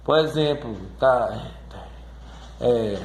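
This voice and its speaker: A man teaching a grammar lesson, repeating words slowly and checking in often with his listeners. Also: medium pitch, a little mellow, slight background noise. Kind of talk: classroom lesson on syllables. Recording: echoey room.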